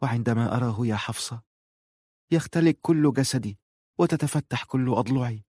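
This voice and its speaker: A man voicing a shy, lovesick eighteen-year-old girl who speaks softly and pleads. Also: medium pitch, brisk, husky, no echo, clean studio sound, natural voice. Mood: tender, pleading. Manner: soft, pleading, tender.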